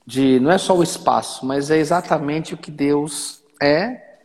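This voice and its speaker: Male co-host, relaxed and measured, voice trailing reverb. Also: on the high side. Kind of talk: casual devotional chat.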